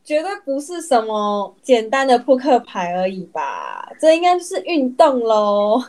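A woman's voice: fairly high pitch, huge pitch swings, measured pace, a little mellow. A young adult woman hosting a podcast, chatting casually and making teasing comments. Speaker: podcast host. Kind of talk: casual chat.

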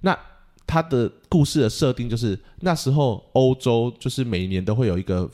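A man hosting a casual podcast, retelling a film plot in an animated way and acting out the characters' lines. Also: mid-range voice, a little fast. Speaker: podcast host.

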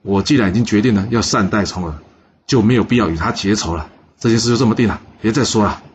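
A man doing a calm, generous ancient king. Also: lowish voice, quick pace, husky, muffled recording. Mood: easygoing.

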